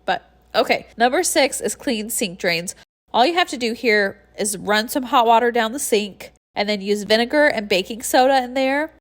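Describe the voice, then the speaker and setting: Sounding stuffy and nasal from congestion, a young cleaning-channel host chats casually over her tutorial voice-over, friendly, laughing lightly and breathing heavily. Her voice is fairly high, animated, at normal speed.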